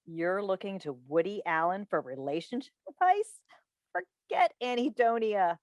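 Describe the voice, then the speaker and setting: Recorded indoors over a video call, this clip has a dry sound with the highs cut off. A woman with a natural, mid-range voice swings widely in pitch at normal speed, reading in a staged play as a chatty radio call-in host and doting, meddling mother. Her emphatic, theatrical delivery comes across as coaxing and teasing.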